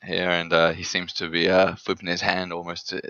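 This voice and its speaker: Male caster, very flat delivery, crisp but gravelly, dry wry humor, lo-fi stream sound. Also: sits low, moderate pace. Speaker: co-commentator. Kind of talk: casual card game commentary.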